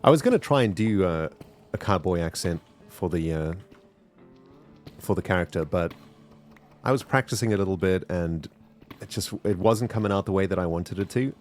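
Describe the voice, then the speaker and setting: While streaming a game, a South African-accented man chats loosely with his viewers, rambling and talking to chat directly. His low, slightly mellow voice is animated and moderately paced, with long pauses and soft music behind it.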